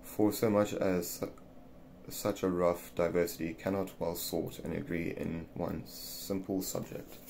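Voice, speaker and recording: Deep male reader, halting delivery with restarts, slight room hiss. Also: fairly even intonation, creaky, a little mellow. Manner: stumbling, repeating words as he reads. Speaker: reader of a classic essay. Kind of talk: reading an old text aloud.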